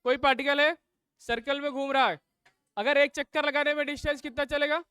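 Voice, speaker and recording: A male teacher runs a live classroom lesson. His voice is very high and bright, and it comes through dry and close. He drills students with repeated questions and snaps at whoever talks. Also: flat delivery, fairly quick, no echo. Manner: drills class with call-and-response questions, scolds noisy students.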